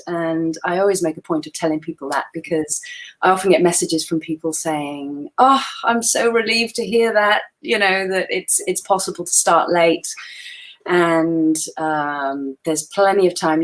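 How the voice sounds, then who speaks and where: A woman in her forties, a photographer presenting in a chatty, self-deprecating way over a video call. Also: lowish voice. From Wales. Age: 40s. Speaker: guest photographer. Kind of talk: webinar presentation.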